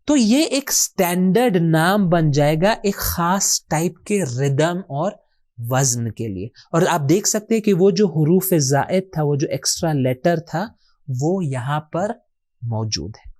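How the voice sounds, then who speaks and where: A male teacher explaining Arabic word patterns in a recorded lesson, patiently asking questions and answering them himself, repeating words slowly and mixing in English words. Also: on the high side, animated, darkish tone. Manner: mixes English words into his speech. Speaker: Quran and Arabic grammar teacher.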